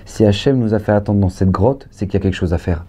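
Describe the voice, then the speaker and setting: Animated rabbi telling stories, mellow voice. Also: male voice, fast, slightly rough. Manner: animated storyteller, swings between low asides and high exclamations; repeats key phrases, addresses listeners directly. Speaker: rabbi teaching a Torah class. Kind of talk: storytelling Torah lesson.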